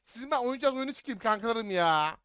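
A young man streaming a game live, yelling orders at his teammates and swearing in frustration. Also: extremely high pitch, expressive, a little fast, clear, resonant tone, no echo, clean studio sound. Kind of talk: live gameplay commentary.

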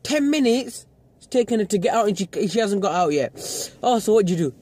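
A man's voice: high voice, expressive, brisk, a little mellow. A young man vlogging a ranting commentary, swearing a lot and mimicking the people he watches in exasperated tones. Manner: exasperated, swearing, mocking put-on voices.

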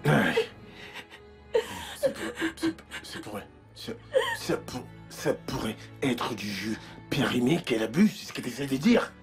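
A man dubbing a controlling husband in a French film dub, soothing but insistent as he urges his wife to stay quiet. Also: medium pitch, sing-song, a little slow, gravelly, soft background music. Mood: alarmed. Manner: soothing yet pressing, insistent. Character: controlling husband hushing up a death.

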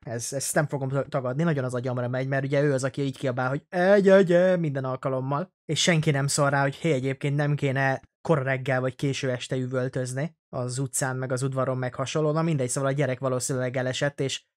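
A man's voice: mid-range voice, fairly even intonation, few pauses. A young man hosting a let's play, giving jokey, sarcastic, rambling commentary on a horror game.

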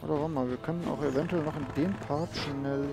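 A man with a fairly high voice chats casually through a video game as its host. He comments off the cuff and repeats words while he thinks. Game music plays clearly behind him. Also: fairly even intonation, brisk. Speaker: let's play host.

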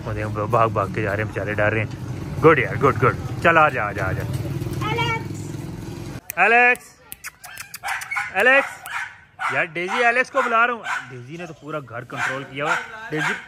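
A man's voice: mid-range voice, lively intonation, fairly quick, noisy background. A young man chats playfully as he films his pets at home. He scolds and coaxes the animals in a casual vlog style. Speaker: pet and bird vlogger. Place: home yard with pet cages. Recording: outdoor recording with loud birdsong.

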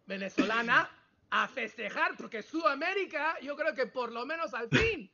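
A man's voice: very high voice, expressive, moderate pace, bright, forceful tone. A man in his forties from Peru, debating football in an emphatic, exclamatory way and slipping English words into his talk. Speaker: football analyst. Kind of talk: casual sports debate. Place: home room. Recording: lo-fi video call audio.

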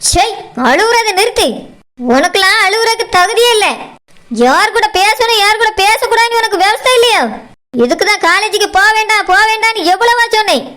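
A woman's voice: very high voice, a little fast, sharp tone. A woman voicing a furious, harsh-tongued middle-aged village mother in a cartoon, berating and scolding. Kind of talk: cartoon voice acting.

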